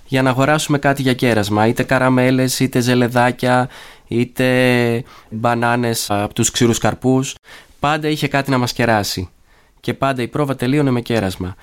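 A man's voice: medium pitch, clear, resonant tone. Man reminiscing fondly as an interview guest. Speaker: guest recalling a former teacher.

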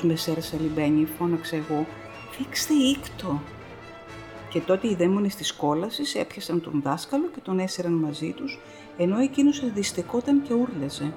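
A woman narrating a novel excerpt in a measured, dramatic reading. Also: mid-range voice, a little mellow. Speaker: audiobook narrator. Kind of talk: scripted narration. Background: faint music.

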